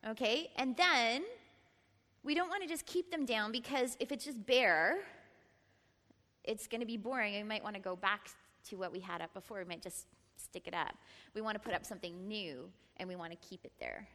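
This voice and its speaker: A middle-aged woman leading a church Bible study, lively and often laughing as she prompts the group. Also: mid-range voice, normal speed. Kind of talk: Bible teaching talk. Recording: long reverb in a large room.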